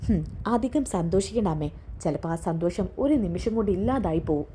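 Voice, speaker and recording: A woman's voice: mid-range voice, expressive, fairly quick, warm tone, a little hiss or hum, lightly acted. A woman voicing a smug spiteful young man. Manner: smug, sarcastic.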